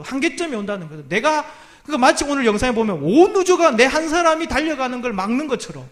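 A man's voice: very high voice, fairly bright tone. A male pastor preaching a sermon from a church pulpit, humorous and self-deprecating, often laughing at his own jokes.

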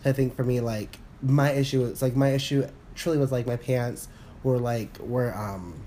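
A man in casual podcast chat, rambling with many fillers and restarts, candid and quick to laugh. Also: medium pitch, steady tone, dark tone, slight background noise. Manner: laughs often, candid and profane. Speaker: podcast co-host.

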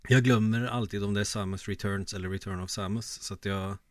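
A man's voice: on the low side, fairly even intonation, no room sound, studio quality. A man co-hosting a casual podcast who giggles, rambles and uses many fillers. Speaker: podcast co-host.

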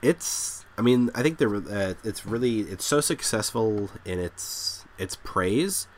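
A man co-hosting a casual podcast, halting and restarting his sentences. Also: lowish voice, lively intonation, a little hiss or hum. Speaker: podcast co-host. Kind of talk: casual chat.

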